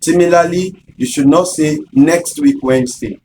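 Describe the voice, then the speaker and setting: Man giving a measured grammar lesson. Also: fairly high pitch, dark tone, a little hiss or hum, low-quality recording. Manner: measured, explanatory, addresses viewers directly. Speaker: English tutor.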